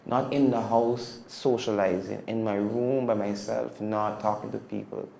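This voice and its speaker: Caribbean man, podcast guest, gravelly, roomy room, faint ambience; reflective and emphatic. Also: on the low side, steady tone, measured pace, dark tone, a little hiss or hum. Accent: Caribbean English. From Caribbean (Statia). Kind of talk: casual storytelling interview.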